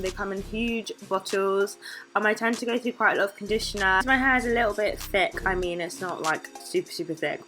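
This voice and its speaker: A woman's voice: medium pitch, pushed and bright. A woman vlogging casually about her routine, chatty and informal with self-deprecating asides. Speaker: beauty vlogger.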